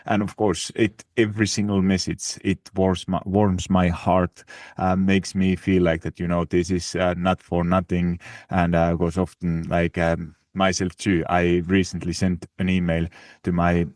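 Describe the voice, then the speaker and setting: Low, flat-voiced Finnish man hosting. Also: a little slow, dry recording, clean studio sound. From Finland. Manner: hesitant, many fillers and restarts. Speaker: podcast host. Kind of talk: casual solo podcast talk. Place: living in Italy.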